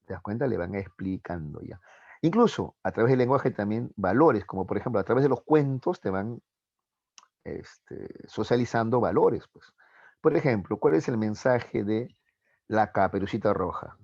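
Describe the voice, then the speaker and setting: A man's voice: fairly low pitch, expressive, normal speed, creaky, darkish tone, no room sound, highs cut off. A male teacher giving an online class lecture, often stopping to check that his students follow. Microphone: video call.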